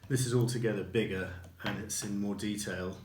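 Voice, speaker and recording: Low, flat-voiced man in an echoey room. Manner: unhurried, many ums and restarts. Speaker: record collector showing purchases. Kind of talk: casual video review. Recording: echoey room with faint noise.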